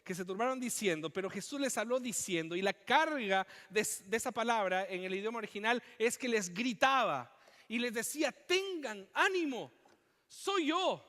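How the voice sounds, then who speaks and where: High-voiced man preaching with passion. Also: a little fast, fairly bright tone, big-room sound. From Chile. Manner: impassioned, emphatic preaching with repetitions. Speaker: pastor. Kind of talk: sermon. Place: church.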